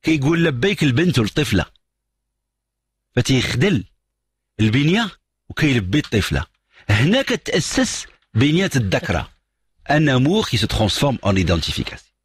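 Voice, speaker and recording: A man's voice: medium pitch, very animated, a little fast, pauses often, breathy edge, dry recording. A middle-aged man with a Moroccan accent hosting a call-in radio advice show, lecturing with emphatic repetition and French phrases. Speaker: radio psychologist host.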